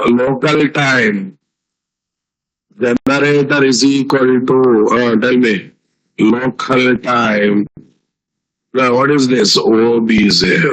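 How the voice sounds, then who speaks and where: A man's voice: mid-range voice, fairly bright tone, rough recording. A man with an Indian Telugu accent giving a live online programming lecture as a teacher, repeating phrases and often checking with students through questions.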